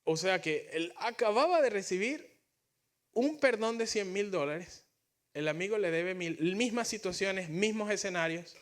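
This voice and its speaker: A man's voice: high voice, expressive, a little slow. A male pastor preaching a sermon in Spanish. He is earnest and often repeats words or restarts as he builds his points.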